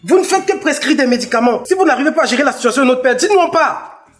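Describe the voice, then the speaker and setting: A man's voice: very high voice, expressive, fast talker, soft background music. A man with a Cameroonian French accent playing a young son who insistently confronts hospital staff. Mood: impatient. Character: impatient young adult son, demanding answers. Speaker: son of the patient.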